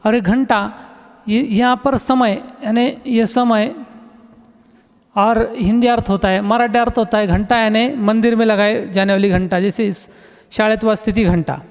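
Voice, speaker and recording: A male teacher with a high voice gives a recorded class lesson at a measured pace and in a steady tone. He patiently repeats words as he explains them and keeps saying "look," with echoey room reverb in the background.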